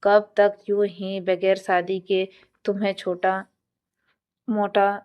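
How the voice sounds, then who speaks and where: A woman's voice: medium pitch, little pitch movement, slow, clear, resonant tone, highs cut off, lightly acted. A woman reading the lines of a cruel, possessive young man in a story narration, with a cold, taunting delivery. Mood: menacing.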